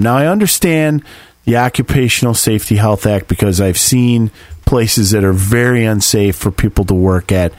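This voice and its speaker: A man's voice: mid-range voice, a little mellow, no echo. A man co-hosts a podcast and rants in loose, profane chat, acting out the people in his stories. His voice sits mid-range for a man. The sound is dry and close, with no room around it. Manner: ranting, profane, acts out quoted voices. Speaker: podcast co-host. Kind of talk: casual chat.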